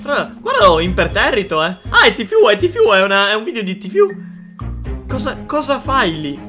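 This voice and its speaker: A man's voice: sits high, sing-song, moderate pace, music in the background. A man, giving casual reaction commentary on game clips, trying not to laugh, repeating himself with playful mock sympathy. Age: 20s. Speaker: gaming video host. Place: indoor streaming setup.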